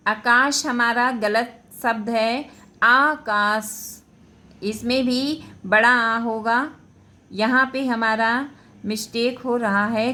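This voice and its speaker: A woman teaching a spelling lesson, saying each word, then repeating it slowly as she explains the correction. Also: on the high side, sharp tone. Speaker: Hindi teacher. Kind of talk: spelling lesson for school students.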